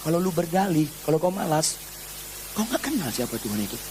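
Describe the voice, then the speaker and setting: Animated male preacher, faint hiss. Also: a little fast. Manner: animated preaching, acts out anecdotes with quoted voices, swings from low to loud; informal Jakarta slang mixed in. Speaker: pastor. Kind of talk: sermon.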